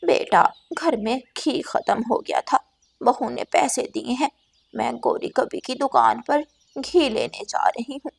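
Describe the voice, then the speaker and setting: Woman voicing an old grandmother sparrow, cartoon, grumbling, stubborn, soft. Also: on the high side, animated, measured pace, gravelly, slightly rough, exaggerated voice. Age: older. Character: grumpy old grandmother sparrow, thrifty mother-in-law.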